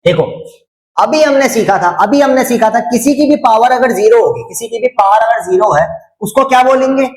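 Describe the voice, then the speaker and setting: In a low-quality, roomy recording, a Hindi-accented man teaches maths online with a very high-pitched, brisk voice and lively intonation. He repeats the same questions over and over and scolds students in jest when they answer wrong.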